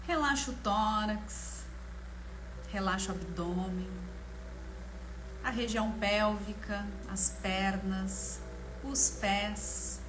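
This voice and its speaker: A woman with a Brazilian Portuguese accent leading a guided meditation in a slow, soothing manner, leaving long pauses between short phrases. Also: mid-range voice. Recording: clear background noise, ambience. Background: ambient meditation music.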